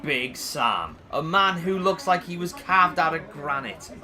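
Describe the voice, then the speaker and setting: A man doing comedic, biased wrestling commentary, excitable and mock-outraged, often shouting. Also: fairly high pitch, unhurried. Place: wrestling event with live crowd. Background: crowd noise.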